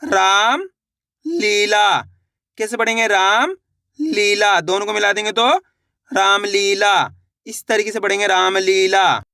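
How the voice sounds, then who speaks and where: A man gives a beginner reading lesson in a bright, clear voice. He breaks each word into slow syllables, asks how it is read, then says the whole word. The sound is dry and close. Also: high voice, no echo. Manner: sounds out words syllable by syllable, then blends them; repeats "how will we read it?" before each answer. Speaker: Hindi reading teacher.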